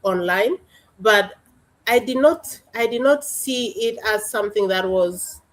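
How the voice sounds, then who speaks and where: A woman's voice: medium pitch, measured pace, rough recording. A woman from South Sudan, a guest on an online panel, telling her story in an earnest, heartfelt way over a video call.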